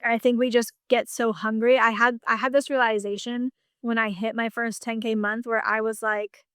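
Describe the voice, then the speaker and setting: A woman's voice: a little high, little pitch movement, moderate pace, fairly bright tone, clean tone, dry recording, studio quality. A woman business coach talking in a casual podcast conversation, chatty and full of "like" fillers. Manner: chatty, heavy use of "like" fillers.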